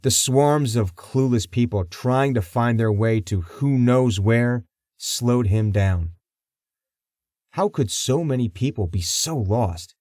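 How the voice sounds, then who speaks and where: A man narrating a crime audiobook in a measured, even storytelling manner. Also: mid-range voice, no room sound, clean studio sound. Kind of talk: scripted narration.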